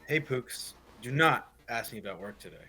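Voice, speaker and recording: A man's voice: medium pitch, expressive, moderate pace, sharp tone. A man playing a burnt-out, frustrated schoolteacher who turns sarcastic and explodes in anger. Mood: pleading. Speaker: teacher.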